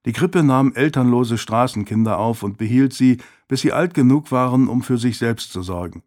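Calm male audiobook narrator. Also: mid-range voice, normal speed. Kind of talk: scripted narration.

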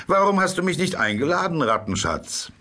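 A man's voice: high voice, big pitch swings, brisk, pushed and bright, slight background noise, voice pushed up, heavily acted. A man voicing a chatty, restless male otter in a storybook reading, talking in a blustering way.

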